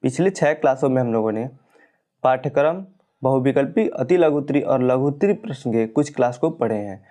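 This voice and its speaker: Man, teacher, exam-prep lesson, dark mellow tone, patient step-by-step explaining. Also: medium pitch, lively intonation. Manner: explains slowly, drawing out example sounds. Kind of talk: exam-prep lesson reading questions and answers.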